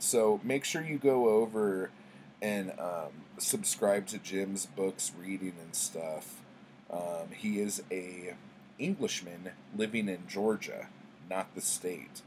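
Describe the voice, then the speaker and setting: A middle-aged book vlogger talks to camera from a small room at home filled with bookshelves, his low voice carrying a darkish tone. He chats and tells rambling stories in a slangy, profane, conversational way. A little hiss or hum sits under the recording.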